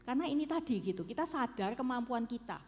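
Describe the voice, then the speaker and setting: A woman from Solo with a Javanese accent, a preacher answering questions in a relaxed, conversational way and often checking in with her listeners. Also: fairly high pitch, fast, in a large hall. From Solo, Central Java. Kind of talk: church Q&A talk.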